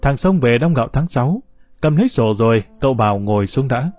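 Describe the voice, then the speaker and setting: A man narrating a novel for an audiobook in a calm, measured storytelling voice. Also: mid-range voice, no room sound, soft background music. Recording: dull, slightly muffled recording.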